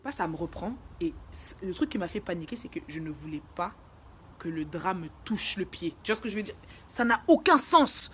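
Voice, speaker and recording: Fast-talking young woman telling a story. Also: fairly low pitch, slight background noise. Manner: slangy, rapid storytelling that acts out shouted moments. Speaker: vlogger telling a personal story. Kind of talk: casual story time.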